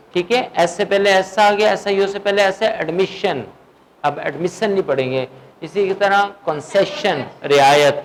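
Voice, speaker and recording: A male English teacher with a slightly high voice lectures in a classroom, drilling vocabulary, asking questions and answering them himself, and dictating English sentences slowly. The recording is rough, with slight background noise.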